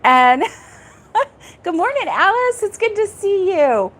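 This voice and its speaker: Her voice is very high, very animated, and fairly bright, and she takes her time. The woman is hosting a laid-back crochet stream on an air-conditioned indoor back porch, chatting with a friend, greeting viewers by name, and laughing frequently.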